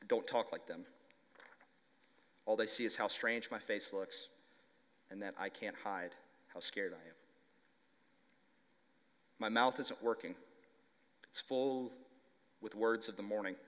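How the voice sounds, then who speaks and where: A young man who stutters, slowly reading a children's story aloud to a conference audience. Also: lowish voice, fairly bright tone. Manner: stutters, slow deliberate reading. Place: conference hall. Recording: long reverb of a large hall.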